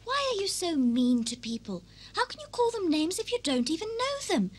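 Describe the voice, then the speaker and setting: A woman voicing Alice, a polite, sensible young girl who gently scolds rude boys in a cartoon. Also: very high voice, sing-song, moderate pace. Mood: earnest. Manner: earnest, gently reproachful.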